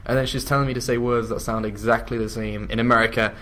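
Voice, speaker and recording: A young man from England with an English accent, talking in a loose, offhand way. His voice sits at an ordinary middle pitch. He rambles and laughs as he chats. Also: level tone, fast, pushed and bright. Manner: chatty, drifts into mock voices and laughs. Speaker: YouTube gamer. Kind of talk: casual chat.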